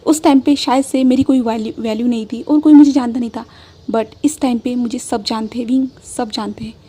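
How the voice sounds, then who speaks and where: Possessive mafia guy, smug and pushy, high soft voice, woman reading it out. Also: steady tone, brisk, husky. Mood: gloating. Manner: pleading then gloating, emphatic. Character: possessive young male mafia boss, menacing.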